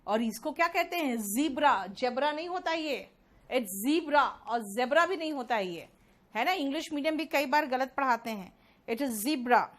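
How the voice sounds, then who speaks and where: A woman with an Indian accent teaching English pronunciation in an online class, addressing students fondly and drilling words slowly. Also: high voice, lively intonation. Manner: addresses students as beta, slow deliberate word drills.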